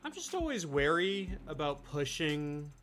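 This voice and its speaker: Live streamer, casual chat, rambling, filler-heavy, mid pitch. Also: sing-song, a little slow, a bit bright, faint music behind. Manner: rambling, with many fillers and restarts.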